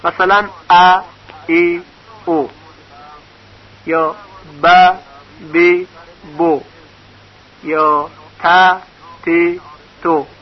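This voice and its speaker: Patient male teacher with a high voice, sounding out syllables slowly in a recorded lesson; muffled, lo-fi sound. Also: steady tone. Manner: patient, spells out syllables one by one. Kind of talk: recorded lesson on reading vowel marks. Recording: dull lo-fi recording.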